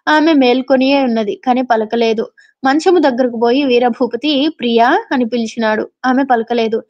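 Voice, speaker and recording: Reading old literary prose as a storyteller, a woman with a slightly high voice keeps a normal speed and occasionally breaks off to add casual, plain-spoken explanations. The sound quality is dull lo-fi.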